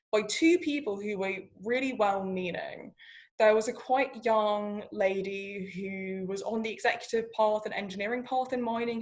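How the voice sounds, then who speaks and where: A woman startup founder giving candid, chatty interview answers, full of fillers. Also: medium pitch.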